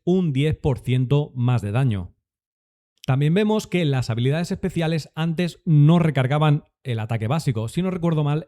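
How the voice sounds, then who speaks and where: A young male gaming content creator with a Spain Spanish accent gives an upbeat rundown of a game update and speaks directly to his viewers. His voice is fairly high-pitched with a dark tone.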